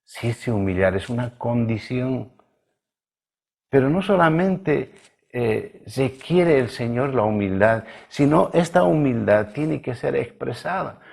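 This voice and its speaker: A male pastor from Bolivia preaching a sermon in a measured, emphatic way, drawing out key words. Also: mid-range voice, expressive, creaky, darkish tone. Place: church livestream.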